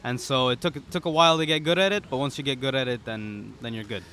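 Young founder guy, relaxed, says you know a lot, faint background noise. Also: mid-range voice, fast talker. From Serbia, raised in the UAE. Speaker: startup founder, guest. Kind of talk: casual interview. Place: pop-up studio at a conference.

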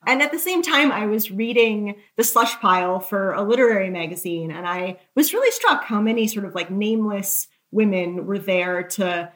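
At normal speed and with hardly a pause, a woman author talks in a medium-pitched, slightly bright voice with lively intonation. Her interview is conversational and candid, filled with anecdotes, hedging, and self-mockery.

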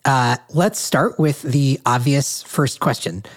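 A man's voice: mid-range voice, slow pace. A man hosting a podcast interview, talking articulately with a nasal voice from a cold. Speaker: podcast host.

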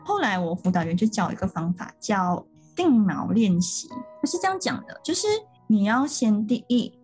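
A woman's voice: mid-range voice, sing-song, normal speed, a little mellow, slightly rough, soft background music. A woman co-hosting a podcast, talking through ideas in an earnest, step-by-step casual chat. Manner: earnest, explanatory, talks through steps. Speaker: podcast co-host.

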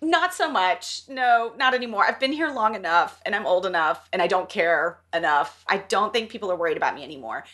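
A woman's voice: medium pitch, expressive, a little fast, few pauses, fairly bright tone. A middle-aged woman from the American South, talking in a casual, emphatic podcast conversation and laughing now and then. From Southern United States.

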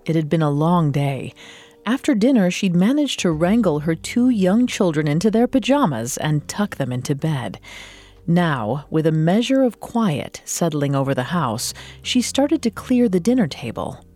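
An American woman co-hosting a true crime podcast, narrating scripted material with deliberate, dramatic delivery. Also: on the low side, very animated, dark tone, soft background music.

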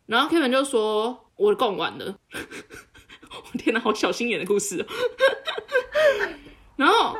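A young woman, co-hosting a casual podcast and telling a story in a lively way, laughing often. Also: fairly high pitch, unhurried, long pauses. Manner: animated, laughs often while telling stories. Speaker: podcast co-host.

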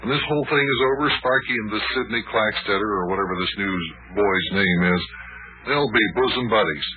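A man's voice: fairly low pitch, fairly quick, phone-quality sound, natural voice. A man narrating and playing a genial grown-up in an old children's radio show, reassuring and storytelling. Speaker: narrator and host.

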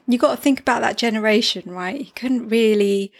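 A woman hosting a podcast in casual chat, teasing her guest and quick to agree. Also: on the high side. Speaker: podcast host.

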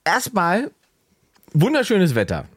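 Animated man telling a story on a podcast. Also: high voice, takes it slowly, no echo, studio quality. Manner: animated storytelling, gets worked up. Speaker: podcast co-host. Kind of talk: casual podcast banter. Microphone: studio microphone.

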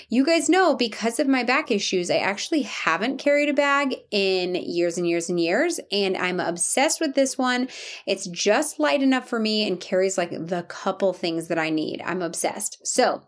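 A woman hosting a podcast, bubbly and enthusiastic, gushing as she reads her intro and interviews a guest. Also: medium pitch. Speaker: podcast host.

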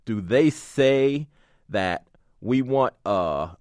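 A man hosting an interview, asking the guest questions in a relaxed, joking way. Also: mid-range voice, very slow, dry recording.

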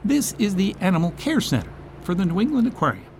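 A man's voice: sits high, sing-song, fast, background noise. A man narrating a scripted television news feature as a correspondent.

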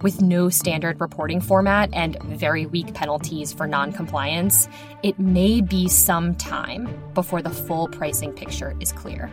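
Measured woman reading health news. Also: fairly low pitch, music in the background. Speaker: podcast host. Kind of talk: scripted news segment reading.

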